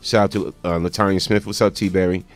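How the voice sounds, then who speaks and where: This is casual call-in hosting from a morning radio DJ: a man with a lowish, ordinary male voice rattling off loose, repetitive, friendly shout-out chatter. He talks fast with a flat delivery, and music sits faintly in the background.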